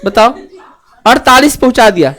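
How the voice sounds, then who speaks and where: A man teaching a class, who keeps asking the students whether they have understood and moves between joking asides and earnest advice. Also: extremely high pitch. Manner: keeps checking students understood with quick questions; joking and lively, then earnest and preachy. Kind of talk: classroom lecture.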